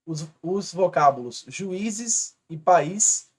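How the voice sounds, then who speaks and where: A man's voice: high voice, animated, drawn-out words. A man with a Brazilian Portuguese accent teaching an online grammar lesson, patiently spelling out rules step by step. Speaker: exam-prep teacher.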